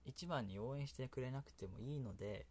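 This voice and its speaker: The speaker, a solo radio host and creator from the Kansai region by his accent, has a medium-pitched, darkish voice and a brisk delivery. He rambles casually and keeps laughing at himself.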